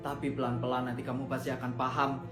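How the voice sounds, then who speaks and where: A man playing a gentle, poor father who calmly breaks a secret to his child in a comedic skit, talking softly and slowly. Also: mid-range voice, lightly acted. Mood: explaining. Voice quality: soft, hushed. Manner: calm, soothing, slow. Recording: echoey room with music behind.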